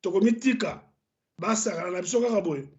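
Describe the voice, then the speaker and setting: A Congolese man argues politics on a studio show in a high, urgent voice. He presses his points and trips over repeated syllables. The broadcast audio is muffled and lo-fi. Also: a little fast, darkish tone. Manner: impassioned, stammers on restarts. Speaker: political commentator. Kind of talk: studio debate commentary.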